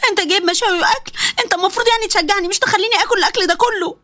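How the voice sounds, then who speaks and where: A woman's voice: very high-pitched, racing, pushed and bright, no room sound, clean studio sound, voice pushed up. A woman voicing a self-conscious young wife with an Egyptian accent, complaining about her weight. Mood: plaintive. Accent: Egyptian Arabic.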